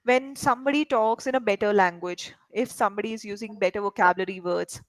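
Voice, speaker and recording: A woman's voice: mid-range voice, fast, dry recording, rough recording. A woman from India coaching a learner in spoken English, explaining patiently and checking in with frequent questions. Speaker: English tutor.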